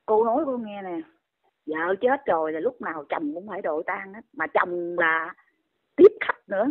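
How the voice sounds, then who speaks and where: A woman's voice: fairly low pitch, moderate pace. Indignant older woman on a phone line. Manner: scolding, exclaiming often.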